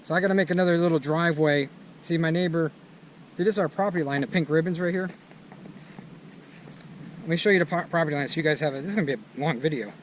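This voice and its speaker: A man's voice: quick pace, pauses often, rough recording. Chatty man narrating outdoors over engine noise. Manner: excited, chatty, narrating while walking. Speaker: vlogger. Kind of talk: casual outdoor vlog commentary. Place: outdoors on a wooded lot. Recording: outdoor noise and vehicle rumble. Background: bulldozer engine.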